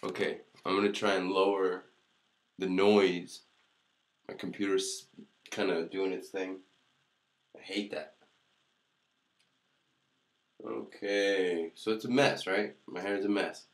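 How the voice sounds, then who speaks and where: Male vlogger, deep-voiced, off-the-cuff and meandering with halting delivery, recorded in a heavily reverberant room. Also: fairly even intonation. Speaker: vlogger reviewing hair pomade. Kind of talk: casual chat to camera. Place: echoey room indoors.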